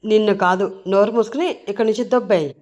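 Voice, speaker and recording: A woman's voice: mid-range voice, fast talker, a little mellow, lo-fi sound, natural voice. A playful older brother teases his friend with a laugh in his voice, as a woman narrator puts him on. The delivery stays light and mocking in this audio story reading. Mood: teasing. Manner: teasing, laughing. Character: young man, teasing laughing older brother.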